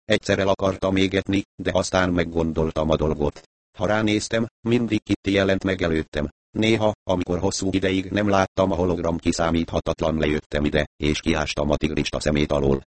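A man reading the part of a very old, weary and menacing lama with a raspy voice, in an audiobook. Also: low-pitched, fairly even intonation, no room sound, lightly acted.

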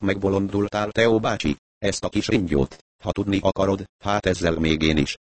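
A man's voice: deep voice, fairly even intonation, no room sound, lightly acted. A man reading the part of a whiny, rude sleek-haired young man in an audiobook. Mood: outraged. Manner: whining.

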